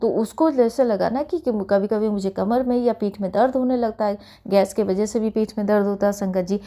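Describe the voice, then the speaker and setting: In a brisk, mellow voice of medium pitch, a middle-aged satsang sharer gives an earnest personal testimony. She frequently uses a respectful form of address for those listening.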